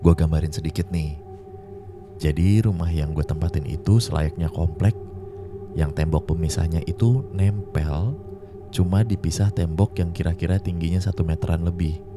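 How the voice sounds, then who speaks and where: Man, extremely low voice, casual horror storytelling, slangy and conversational, music playing behind. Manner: slangy, conversational, slows down for suspense. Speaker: podcast host reading a listener's story. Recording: clear music bed behind.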